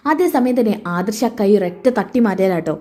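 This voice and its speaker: A woman's voice: mid-range voice, expressive, fairly quick, mellow. A woman casually retelling a TV serial episode for her channel in a chatty way. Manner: chatty, adds ttoʼ tags to sentences. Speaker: serial recap vlogger.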